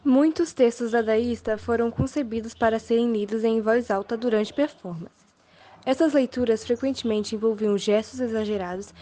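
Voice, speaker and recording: Mellow young woman reading a script. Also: on the high side. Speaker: student presenter. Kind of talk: school presentation.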